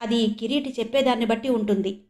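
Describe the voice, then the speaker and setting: A woman's voice: fairly high pitch, fast talker, darkish tone, natural voice. A woman narrator voicing an emotional, earnest middle-aged father who asks urgent, pleading questions.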